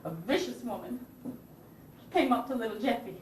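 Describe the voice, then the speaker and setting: On a theatre stage, an actress plays the proud, indignant Southern First Lady of the Confederacy, a wounded mother, in a highish, darkish voice with lively intonation at normal speed. Her sorrowful delivery is theatrical, genteel and emphatic, lightly acted, swinging from anguish to haughty scorn. Recorded from a distance, the sound is echoey and roomy with hiss.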